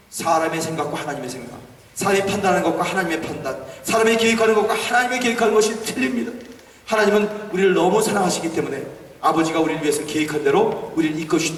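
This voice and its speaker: Older male pastor, passionate sermon delivery, echoey sanctuary sound. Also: sits high. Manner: fervent, rising to shouts, calls for amens. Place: church sanctuary. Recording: echoey hall, distant mic.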